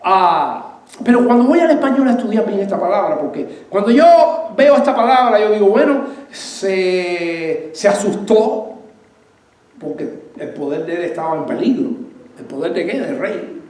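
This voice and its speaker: A man preaching a sermon as pastor, asking his congregation questions and answering them himself, with lively bursts and laughs. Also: high voice, normal speed, roomy sound.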